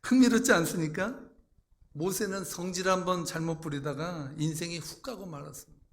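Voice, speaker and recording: Gravelly Korean pastor preaching dramatically. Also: male voice, fairly high pitch, brisk. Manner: dramatic, acts out quoted voices with loud outbursts. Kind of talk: sermon.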